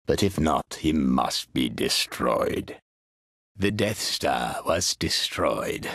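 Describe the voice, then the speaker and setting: A cruel old galactic emperor, a video game villain with a deep, gravelly croak. He draws his words out very slowly, imperious and gloating. The delivery is theatrical and full of menace. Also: very animated, a bit bright, dry recording, studio quality, heavily acted. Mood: cold, scheming. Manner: slow, theatrical, menacing drawl.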